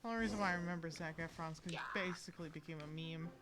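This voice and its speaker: A woman game streamer provides casual live commentary, rambling along and playfully talking to the game at a racing pace. Her voice is fairly low, and loud video game music plays behind it.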